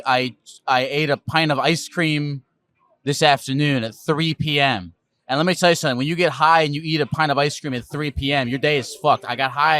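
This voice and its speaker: Rambling deadpan male host, street interviews outdoors in a park, slightly high voice, dry close sound. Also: no echo. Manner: rambling, deadpan comic monologue. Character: man in a gecko costume.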